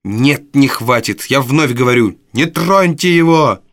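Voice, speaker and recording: A man's voice: medium pitch, normal speed, no echo, clean studio sound, close to an everyday voice. A man voicing a fierce young woman thief who cries out and defies her gang. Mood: defiant. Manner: shouting, pleading, defiant.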